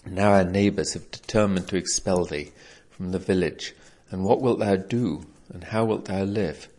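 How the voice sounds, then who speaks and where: Sad old grandpa peasant, sighing, old-timey talk, man reading, low voice. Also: moderate pace, darkish tone. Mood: sorrowful. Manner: archaic, sighing speech.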